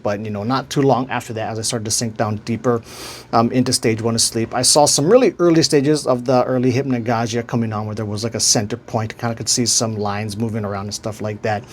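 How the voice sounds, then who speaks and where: A man with a Hawaiian accent talks casually to his viewers as the host of his own channel. His voice sits at an ordinary middle pitch. He rambles and restarts as he searches for the right words. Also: darkish tone. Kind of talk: casual vlog talk.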